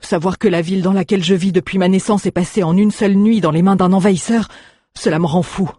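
A storyteller voicing an anxious, excitable adult townsman who exclaims in alarm. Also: medium pitch, fast talker, breathy edge, dry recording, studio quality, lightly acted. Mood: agitated. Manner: agitated, exclaiming.

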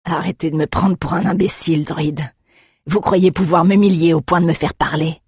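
A man's voice: a little high, steady tone, normal speed, darkish tone, breathy edge, no room sound, studio quality. A reader voicing a proud, defiant male outcast who is tied up and taunts his captor, in an audiobook. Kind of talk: audiobook narration.

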